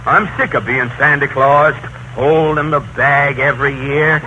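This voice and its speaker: An actor playing a grumpy, folksy old Santa Claus in 1930s radio comedy, with rustic, ungrammatical speech. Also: male voice, medium pitch, unhurried, muffled recording, close to an everyday voice. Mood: grumpy, aggrieved. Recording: noisy 1930s radio broadcast recording.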